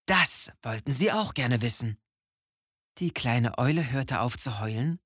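A storyteller reading a children's story aloud in a slow, expressive way. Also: medium pitch, breathy edge, dry recording, clean studio sound.

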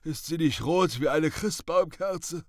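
A man's voice: fairly high pitch, unhurried, dry recording, studio quality, voice pushed up. A man playing a sniffly, grumbling little old man. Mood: complaining. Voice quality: sniffly, sneezing. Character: small wrinkled old man, chestnut seller with a cold, grumbling.

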